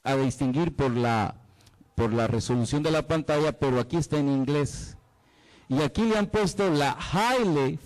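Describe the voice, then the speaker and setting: Man with a very lively pitch. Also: poor audio. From El Salvador. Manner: dramatic, playful, asks the listener questions. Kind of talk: lively apologetics talk.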